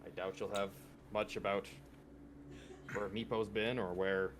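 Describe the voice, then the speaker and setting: A man's voice: on the low side, flat delivery, background noise. Jokey male tabletop player. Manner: quick, laughing, jokey. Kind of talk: casual tabletop play.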